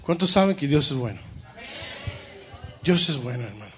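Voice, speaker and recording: A man preaching a sermon in church with passion, going from loud outbursts to hushed appeals. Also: mid-range voice, big pitch swings, normal speed.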